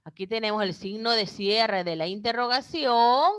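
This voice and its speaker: A woman's voice: fairly high pitch, normal speed, clean tone. A woman teacher giving an online class over a video call, explaining step by step and checking in with "¿sí?" and "¿no?".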